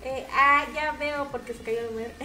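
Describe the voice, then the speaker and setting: Young Mexican woman streamer, high and very bright voice, chatty gameplay commentary with sudden shrieks, music underneath. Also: fairly even intonation, slow. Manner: chatty, jumps into shrill shrieking outbursts. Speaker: gaming streamer.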